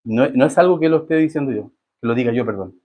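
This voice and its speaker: A man pastor preaching a sermon in a church, talking to the congregation with rhetorical questions and reading scripture verses slowly with rising emphasis. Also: mid-range voice, dull audio. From Chile. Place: church sanctuary.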